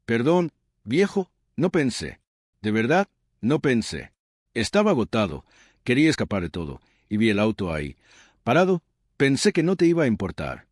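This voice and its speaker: A man's voice: medium pitch, huge pitch swings, normal speed, no room sound, clean studio sound. An older man playing a guilty, defensive middle-aged son. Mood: pleading. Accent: Rioplatense Spanish. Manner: defensive and pleading.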